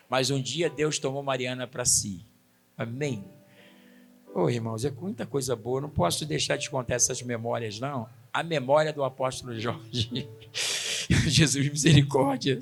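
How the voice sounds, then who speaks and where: A man's voice: mid-range voice, vocal fry. A middle-aged man, preaching a sermon in a church with rising exclamations. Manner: preaching with rising exclamations, then slow singing. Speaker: pastor. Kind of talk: sermon with sung worship.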